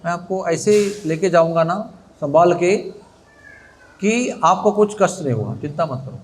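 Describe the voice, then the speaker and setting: A man playing a cheeky child deity, coaxing and hushed, light and a bit high. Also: expressive, a little slow. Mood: reassuring. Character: playful mischievous boy god.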